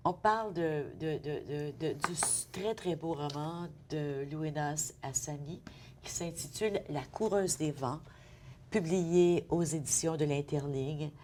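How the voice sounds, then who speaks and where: A woman's voice: sits low, unhurried, a little mellow, slight background noise. A female television host, interviewing an author, echoing and completing his thoughts. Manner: affirming, finishes the guest's sentences.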